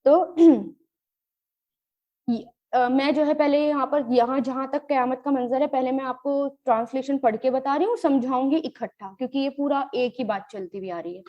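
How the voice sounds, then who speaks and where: A woman teaching a Quran grammar and tafseer lesson, glossing each word slowly and mixing in English terms. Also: high-pitched, muffled recording. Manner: slow, drawn-out word-by-word glossing with rhetorical questions; mixes English terms into explanations.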